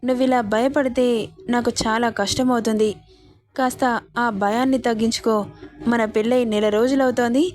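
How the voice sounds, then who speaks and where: A woman's voice: on the high side, steady tone, moderate pace, a little mellow, faint music behind, lightly acted. Woman reading as a teasing young husband.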